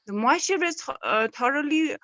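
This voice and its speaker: A young woman with a Kashmiri accent presents academic research in a fairly high voice. She speaks through a phone on a video call, and the sound is dull and low-fi. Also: expressive, moderate pace, a bit bright, no echo. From Kashmir, India. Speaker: PhD student presenter. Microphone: phone, speaking through a face mask. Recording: muffled low-quality video-call audio.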